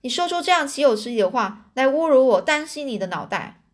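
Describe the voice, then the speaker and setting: A woman's voice: a little high, expressive, moderate pace. Woman reading as an irate old duke. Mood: outraged. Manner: indignant and shouting. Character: furious elderly male duke, haughty and easily offended.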